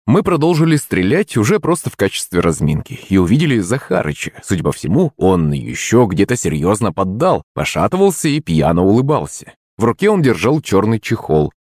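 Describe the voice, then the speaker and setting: A man narrating an audiobook with expressive storytelling. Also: lowish voice, a little fast, hardly any pauses, husky, no room sound, studio quality.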